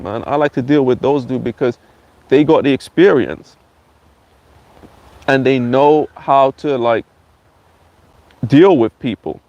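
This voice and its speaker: A man's voice: medium pitch, a little mellow. A channel host giving a blunt, insulting ranting monologue and repeating his phrases.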